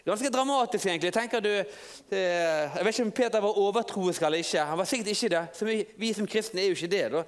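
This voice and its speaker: Guy giving a sermon like he's just chatting, pretty high voice, keeps restarting his sentences. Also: clear, resonant tone. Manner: informal storytelling, halting with many restarts. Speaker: preacher.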